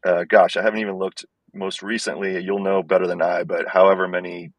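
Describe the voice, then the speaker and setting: A very low-voiced male podcast host introducing and questioning a guest conversationally. The sound is tinny and metallic, as if captured on a small wireless earbud microphone. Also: flat delivery, brisk, no echo. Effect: thin, tinny, tin-can sound.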